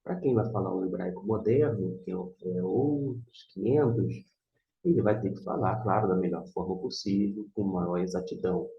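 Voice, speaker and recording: In a muffled, echoey room, a low-pitched man speaking at normal speed teaches Biblical Hebrew through an informal screen tutorial. He has a Brazilian Portuguese accent and sounds out and repeats words didactically.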